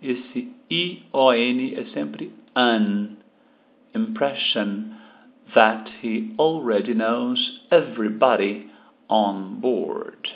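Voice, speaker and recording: A Brazilian man teaching English pronunciation, slowly repeating words for the learner. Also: mid-range voice, highs cut off. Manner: slow, deliberate, repeating words to model pronunciation. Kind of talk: language lesson explaining pronunciation.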